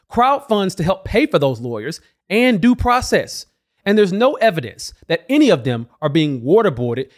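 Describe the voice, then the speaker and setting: Sarcastic, high-pitched man doing political commentary. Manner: sarcastic, mocking. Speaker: host.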